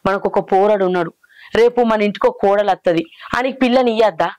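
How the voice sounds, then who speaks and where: A woman's voice: medium pitch, quick pace, darkish tone, no room sound, lightly acted. A middle-aged woman playing a stern village mother who scolds her son-in-law. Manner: scolding, indignant. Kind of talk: village short film acting.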